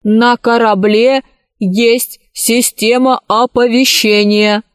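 Woman voicing a ship's service robot, stubborn, literal-minded, slow and measured, storybook reading, dry sound. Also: on the high side, steady tone, smooth, no room sound.

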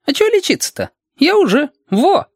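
A reader voicing Reshka, an eager, anxious boy guide, in a high, pleading, restless voice in an audiobook. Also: huge pitch swings, moderate pace, dry recording, studio quality, heavily acted. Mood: cheeky. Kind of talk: audiobook reading.

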